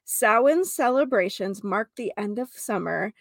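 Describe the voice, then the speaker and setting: An American woman hosting a casual spiritual show, talking in a gentle mystical healer manner with gushing, drawn-out emphasis. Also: medium pitch, expressive, creaky, dry recording, clean studio sound. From North Dakota, United States.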